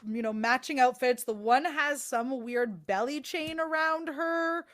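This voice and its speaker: Woman, 30s, high voice, podcast co-host, casual animated storytelling. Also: unhurried. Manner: animated storytelling, swears freely. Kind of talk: casual chat.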